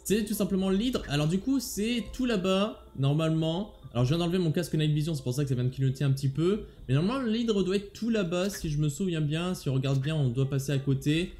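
A man's voice: a little high, lively intonation, quick pace, few pauses, a little mellow. A man hosting a gaming video, chatting casually to viewers as he plays and playfully taunting the monsters he fights. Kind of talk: casual gameplay commentary.

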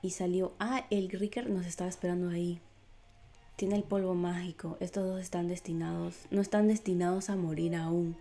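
Gravelly woman reacting to a comic. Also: fairly low pitch, fairly even intonation, normal speed, mellow. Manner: emotional, chatty reactions between read lines. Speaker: comic reader. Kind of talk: reading a comic aloud with reactions.

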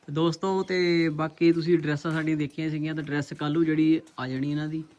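A man's voice: on the high side, flat delivery, fast talker, a little mellow, lo-fi sound. A man with an Indian Punjabi accent chatting casually as a family vlogger.

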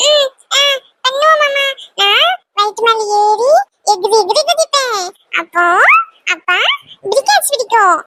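A very small boy in a cartoon, squeaking far up in pitch with a bouncy, eager singsong. A loud noise runs under the voice throughout. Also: expressive, unhurried. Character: small sweet boy, chatty nephew.

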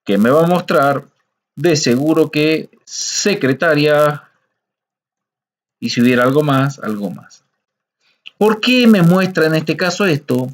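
A man's voice: on the high side, lively intonation, slow pace, pauses often. A man teaching a screen-recorded coding lesson, explaining patiently step by step and often checking in with listeners.

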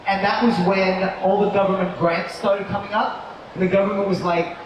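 A man giving a relaxed, rambling live talk as a toy company co-founder. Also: high-pitched, moderate pace, dull audio. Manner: relaxed, rambling with fillers and restarts. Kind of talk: casual live presentation. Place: large indoor shopping mall expo. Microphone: distant mic on a live talk. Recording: echoey mall hall, distant mic, crowd noise.

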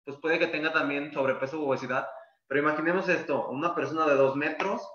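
Male fitness coach, bright tense voice, slightly higher pitch, roomy lo-fi take. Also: steady tone, fast. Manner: casual, repeats words, fills with "pues". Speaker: calisthenics coach. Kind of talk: masterclass explanation. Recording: echoey room, dull lo-fi sound.

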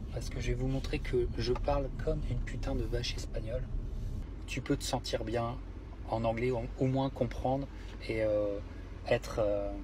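A man's voice: medium pitch, noisy background. A man hosting a comedic podcast in a casual, rambling way, with lots of fillers and the odd swear word. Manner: chatty and rambling, with many fillers and bursts of swearing. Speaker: podcast host.

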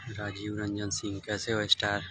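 A man with a Bhojpuri accent, a singer and songwriter hosting a casual live stream. He speaks softly and easily, greeting his viewers by name and chuckling often. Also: fairly low pitch, moderate pace, noisy background. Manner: soft-spoken, relaxed, chuckles often.

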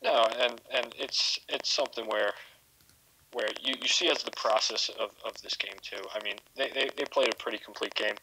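A man's voice: mid-range voice, normal speed, sharp tone, a little hiss or hum, poor audio. A man co-hosting a podcast, analysing hockey stats in a casual, stammering way. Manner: analytical, stammers on repeated words. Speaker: podcast co-host.

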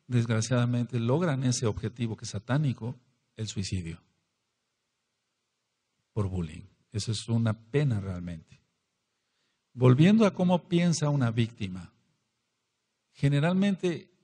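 Earnest guy preaching, kinda husky voice, dark tone, lots of hall echo. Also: medium pitch. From Mexico. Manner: earnest, repeats key words for emphasis. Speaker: congregation leader and teacher. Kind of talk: sermon. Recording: long hall reverb.

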